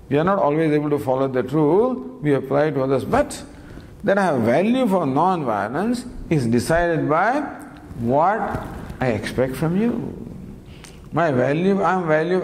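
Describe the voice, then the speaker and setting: In a lecture hall with long reverb and faint background noise, a man with a fairly high voice gives a spiritual discourse on scripture. He teaches in a lively, gently humorous way, asking many rhetorical questions.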